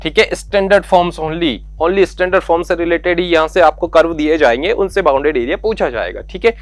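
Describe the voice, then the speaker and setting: A man's voice: fairly high pitch, fast, no echo. A man teaching maths to school students. He goes through the exam syllabus, coaxes them and repeats the key points. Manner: coaxing, repeats key points, calls students beta and yaar.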